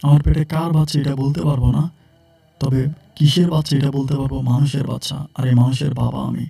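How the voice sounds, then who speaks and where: A man voicing a secretive, stubborn young woman who talks bluntly and repeats herself, in a gravelly, husky voice. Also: medium pitch, flat delivery, fairly quick, warm tone, soft background music.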